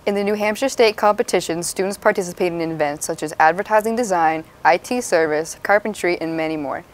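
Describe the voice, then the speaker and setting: A woman's voice: fairly low pitch, a little fast. A young woman reading scripted news as an anchor on a student mock newscast.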